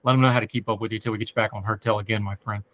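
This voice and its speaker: Fast-talking man with an Appalachian hillbilly accent. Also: on the low side, fairly even intonation, fairly bright tone, dry recording, highs cut off. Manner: folksy. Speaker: talk show host. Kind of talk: casual interview chat.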